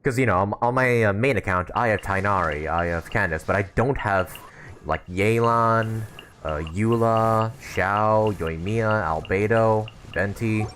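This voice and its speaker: A slightly slow-talking man with a lowish, fairly bright voice chats to viewers on a casual game livestream, rambling as he thinks aloud. There's game music in the background and a little hiss or hum on the audio.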